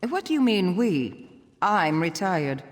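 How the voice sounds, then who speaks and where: An actress playing a stubborn, sarcastic retired thief in a game cutscene, speaking in a dry, exasperated way. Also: female voice, on the low side, big pitch swings, slow, long reverb tail, heavily acted. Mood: sardonic.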